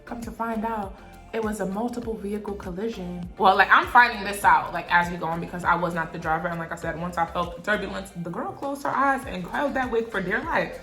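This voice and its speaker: Young woman vlogger, animated and profane storyteller, echoey room with light music behind. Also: medium pitch, a little fast. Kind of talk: storytime vlog.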